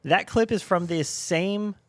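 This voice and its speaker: A man co-hosting a casual podcast, retelling a TV scene in an animated, laughing way. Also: high-pitched, unhurried, no room sound. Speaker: podcast co-host. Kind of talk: casual chat.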